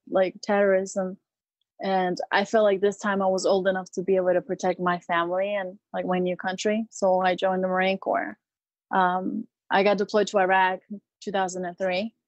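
A Marine veteran from Peru, a woman in her thirties, chats casually as an interview guest, frequently hesitating with ums and starting over. She has a medium-pitched voice, with no room sound.

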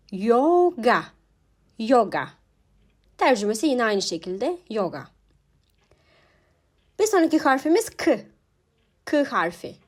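A young woman teaching a language alphabet lesson, pronouncing each word slowly and repeating it twice. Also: a little high. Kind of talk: slow spoken alphabet lesson.

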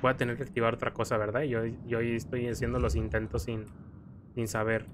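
A young man with a Mexican accent chats casually over gameplay with game music behind him, speaking fast in a mid-range, flat voice against a noisy background. He's a rambling, stammering storyteller who acts out scared quotes as he comments.

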